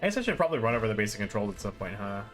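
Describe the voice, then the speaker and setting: Speaking in a lowish, sing-song voice, a man races through loose, self-deprecating commentary while playing a game on a live stream. Faint game music sits behind his informal explanations.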